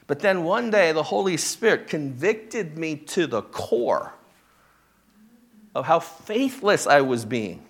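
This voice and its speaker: Male pastor, sermon delivery, slow and conversational, livens up to act out scenes. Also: fairly high pitch. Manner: conversational, checks in with "right?" and "okay?"; animated when acting out the disciples' reactions.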